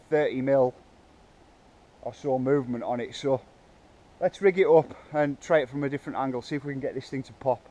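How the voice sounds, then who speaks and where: Here the same kind of woodland trail-work vlog comes through in a mellow, medium-pitched voice over dull audio. He's breathless, talking to himself with plenty of hesitations while filming on a handheld camera outdoors on the bike park trail.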